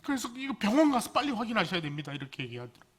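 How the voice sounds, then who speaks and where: A male pastor in his thirties preaching a sermon to young adults, moving between loud, pleading climaxes and quiet, personal storytelling. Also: high voice, very animated, very fast, breathy edge, soft background music.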